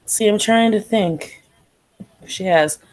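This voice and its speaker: A woman player describing her character's actions in a tabletop game in an unhurried, thoughtful way. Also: mid-range voice.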